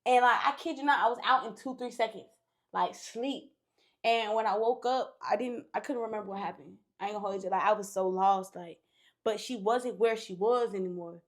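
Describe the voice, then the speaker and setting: A woman's fairly quick, medium-pitched voice carries a long, casual story she tells as a podcast guest. She is animated and profane, acting out the quoted lines.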